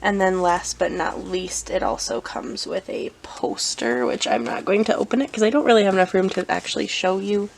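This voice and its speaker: Gravelly from a cold, this young woman vlogger talks at a medium pitch while presenting her anime collection. The show-and-tell is laid-back and chatty, sprinkled with ums and corrections of herself.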